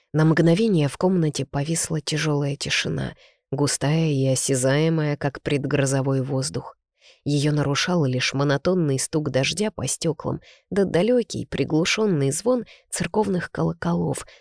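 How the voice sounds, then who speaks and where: An audiobook reader narrating a first-person novel in an even, unhurried manner. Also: mid-range voice, gravelly, dry recording, studio quality.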